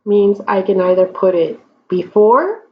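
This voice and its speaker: A woman's voice: mid-range voice, lively intonation. A woman teaching a Spanish grammar lesson, explaining step by step and checking in with her students. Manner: slow, deliberate explanations with frequent check-ins. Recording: dull lo-fi recording.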